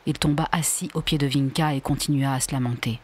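Soft breathy woman reading a novel aloud. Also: extremely low pitch, steady tone, brisk. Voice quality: breathy, often half-whispered. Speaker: audiobook reader. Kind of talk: literary audiobook narration.

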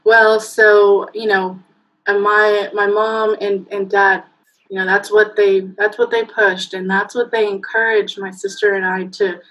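With little pitch movement and a slightly slow pace, a woman's mid-range voice comes across on dull audio. She's a Spanish-speaking Mexican in her thirties, a guest on a casual video-call interview from a room indoors at home via laptop webcam, telling warm stories heavy with fillers and punctuated by bursts of laughter.

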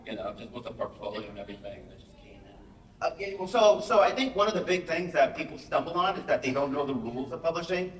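A man on an author panel, telling a casual story to an audience, animated and acting out the people he quotes. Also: a little high, fast. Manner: animated, acts out quotes with a raised voice. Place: school auditorium. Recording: roomy hall, mic from a distance.

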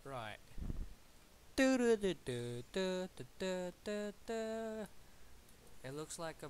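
His voice sits high and is slightly mellow and expressive as this young Bulgarian, with a Bulgarian accent, takes it slowly in casual let's-play commentary from his home computer. He rambles and playfully curses enemies, recorded with slight background noise on an awkwardly placed desktop mic.

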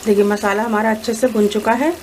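A woman explaining a recipe step by step in a calm, instructive voice-over as cooking show host. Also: a little high, fast, a little hiss or hum. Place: home kitchen.

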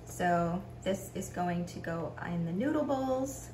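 A middle-aged woman with a low, slow, expressive, slightly mellow voice hosts a casual cooking vlog, chatting and explaining as she cooks at home. A camera mic a few feet away picks her up in an echoey kitchen with faint room hum.

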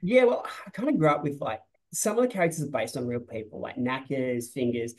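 A man in his forties chatting over a webcam. He rambles loosely, restarts his sentences and leans on filler words, with a middling pitch. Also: fairly quick, poor audio. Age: 40s. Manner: rambling, restarts often, says "like" a lot. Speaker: film director. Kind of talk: casual interview on a video call. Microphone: video call webcam.

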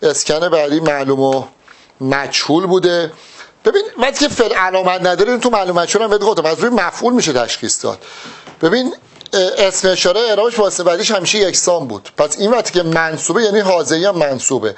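A man with a fairly high voice tutors students for an exam. He works through the answer options with emphatic, animated delivery and addresses the learners directly. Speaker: exam-prep Arabic teacher. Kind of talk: test-solving lesson.

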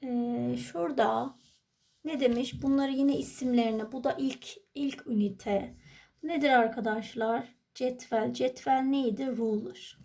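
A woman teacher with a fairly high voice and a Turkish accent. She walks through an exam item by item. She asks her own questions and then answers them. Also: fairly even intonation, a little slow, creaky, warm tone. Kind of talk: exam walkthrough lesson.

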